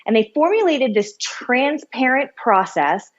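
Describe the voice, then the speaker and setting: A woman files a scripted news report in a brisk, upbeat way. Her voice sits fairly high, and the recording sounds a little muffled and lo-fi. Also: very animated. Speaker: news correspondent.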